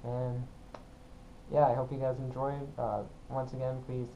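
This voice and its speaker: A young adult man talking casually to a camera for his vlog, halting and apologetic as he goes. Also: mid-range voice, completely flat delivery. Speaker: vlogger. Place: small room at home. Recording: dull, muffled sound with clear background noise.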